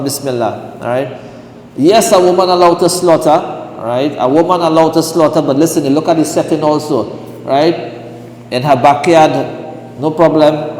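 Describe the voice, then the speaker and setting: Man, fairly high voice, mufti teaching a class, rhetorical "right?" checks, long hall reverb, faint hiss. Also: a little mellow. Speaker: mufti teaching Islamic law. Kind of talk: religious class lecture. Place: mosque hall.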